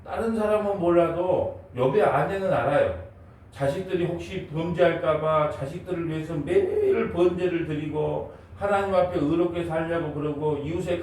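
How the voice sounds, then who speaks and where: High-voiced male pastor in echoey hall. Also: darkish tone, distant mic, a little hiss or hum. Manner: acts out quoted voices, asks the congregation questions. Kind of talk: dawn service sermon. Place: church sanctuary.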